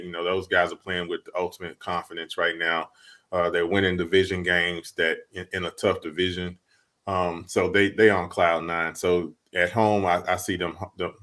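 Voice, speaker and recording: A man's voice: low voice, a bit bright. A man co-hosting a casual sports chat, talking through his pick in a rambling way and repeating words as he thinks. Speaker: podcast co-host.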